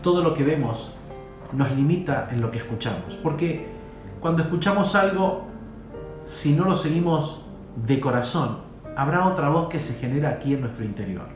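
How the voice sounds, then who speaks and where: A man's voice: fairly high pitch, animated, moderate pace. A man preaching a sermon in a church hall, with emphatic swells and drops. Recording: echoey hall with faint guitar.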